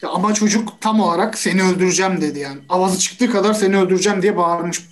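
A woman's voice: lowish voice, steady tone, fast, natural voice. A woman playing a stubborn juror who insists on guilt, speaking over a video call. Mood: insistent. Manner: dismissive, insistent.

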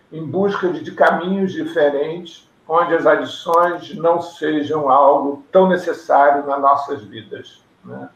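Man's voice with a heavy, cave-like echo. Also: fairly high pitch. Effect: heavy echo on the line. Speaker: meeting host. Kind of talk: formal talk in an online meeting. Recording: echoey, dull video-call audio.

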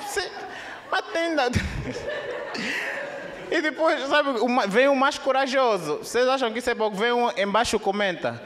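A man's voice: moderate pace, long pauses. A young man with an Angolan Portuguese accent performing a stand-up comedy set on a theater stage, speaking into a handheld microphone. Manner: animated, jumps into high squeaky put-on voices. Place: theater stage with live audience.

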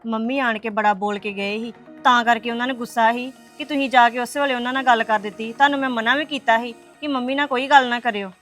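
A woman's voice: on the high side, fairly even intonation, fast talker, few pauses, fairly bright tone, soft background music, natural voice. A woman plays a young wife who soothes and placates her upset relatives. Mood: placating. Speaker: daughter-in-law. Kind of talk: family web series acting.

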